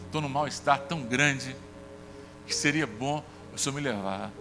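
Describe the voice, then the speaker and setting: A Brazilian man preaching a sermon as pastor, telling personal stories and acting out the dialogue with lively shifts of voice. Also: normal speed, big-room sound, music in the background. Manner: conversational storytelling, acts out dialogue with shifts in pitch. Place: church sanctuary.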